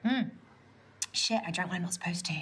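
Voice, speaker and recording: A young British woman acting a playful, teasing date in a video game, with quick whispered asides. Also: lowish voice, expressive, slight background noise.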